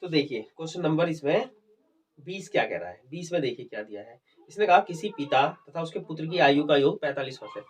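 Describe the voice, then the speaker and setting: A man's voice: on the high side, lively intonation, fairly quick, recorded from a distance. A man explaining maths problems step by step in a video lesson, conversational and often checking whether the students follow. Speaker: maths teacher.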